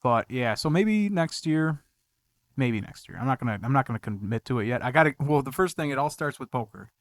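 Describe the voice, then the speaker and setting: A man's voice: medium pitch, expressive, a little fast, no room sound. A man hosting a podcast in a casual chat, laid-back, swearing often and laughing a lot. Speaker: podcast host.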